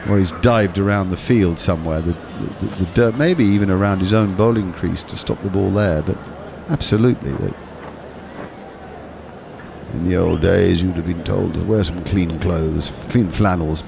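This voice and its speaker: Commentator, male, very low voice, steady explaining delivery, noisy audio behind. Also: vocal fry. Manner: measured, explanatory, with small restarts. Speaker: cricket commentator on a watchalong. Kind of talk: ball-by-ball commentary.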